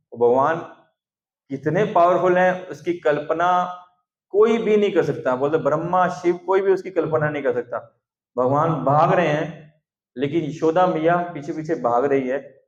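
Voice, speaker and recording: A man giving a devotional class, telling a sacred story and acting out its scenes with a raised voice. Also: on the high side. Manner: animated, acts out scenes with raised voice. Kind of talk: storytelling sermon. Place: temple or devotional gathering room. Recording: roomy dull lo-fi recording.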